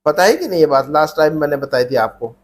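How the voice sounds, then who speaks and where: In this classroom grammar lesson, a man teaches Arabic at a quick pace, his voice fairly high and his intonation lively. He keeps repeating questions patiently and coaxing students to respond in a call-and-response drill.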